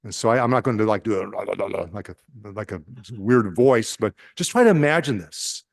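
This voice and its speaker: A priest with a Nebraskan accent giving an informal retreat talk to a group, halting with many fillers and restarts and asking the room questions. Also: male voice, lowish voice, lively intonation, no room sound.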